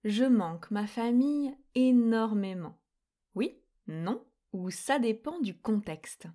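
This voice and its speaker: A young woman presenting a scripted grammar quiz lesson, explaining slowly, clearly and deliberately. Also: a little high, expressive, mellow. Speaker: French grammar teacher.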